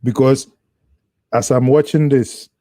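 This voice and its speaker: A man's voice: medium pitch, fairly even intonation, slow, crowd noise. A man commenting on a news clip, sarcastic and mocking in a chatty way.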